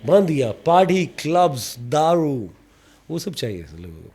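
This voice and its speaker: A man, an actor, telling lively anecdotes in a casual podcast interview, with a slight stammer and English phrases mixed in. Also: on the high side, measured pace, breathy edge.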